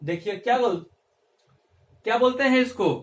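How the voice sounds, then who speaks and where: High-voiced teacher in an echoey room. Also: male voice, normal speed. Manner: asks the class rhetorical questions and answers them himself; repeats phrases, coaxing tone. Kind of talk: classroom math lesson at a board. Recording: echoey room, mic far off.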